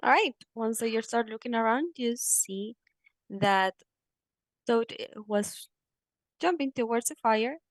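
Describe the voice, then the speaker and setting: A woman's voice: a little high, slow, long pauses, dry recording. A woman narrating a tabletop game as game master, speaking hesitantly with frequent restarts.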